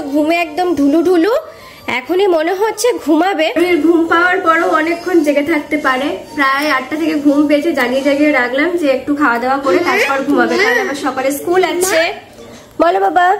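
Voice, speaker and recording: A woman from West Bengal, hoarse with a cold, chatting to her vlog audience and gently coaxing her small daughter at home. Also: sits high. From West Bengal, India. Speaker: vlogger mother. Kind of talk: casual home vlog talk to camera and child.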